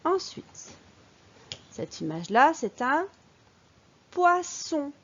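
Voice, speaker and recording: A female teacher gives an early-reading phonics lesson in a slightly high voice, speaking slowly, clearly and in a sing-song way while stressing the key words. The highs in the audio are cut off.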